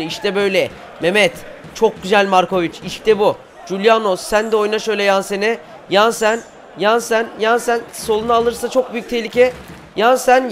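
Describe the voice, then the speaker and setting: A teenage boy from Turkey giving excited football game commentary, cheering on his players and shouting at missed chances. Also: high voice, slight background noise. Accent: Turkish. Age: teens. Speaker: gaming YouTuber.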